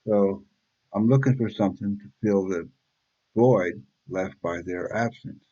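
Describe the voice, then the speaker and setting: A man's voice: on the low side, a little slow, dark tone, highs cut off. A man in his fifties hosting a reaction channel, talking bluntly and rambling in a casual monologue, swearing freely. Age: 50s. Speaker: YouTube reaction channel host.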